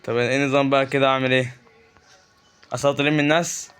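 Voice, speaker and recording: A man's voice: mid-range voice, flat delivery, fast talker, a bit bright, clean tone, soft background music. A man with an Egyptian Arabic accent giving casual Let's Play commentary, chatty and joking, talking back to the game's creatures. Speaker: gaming YouTuber.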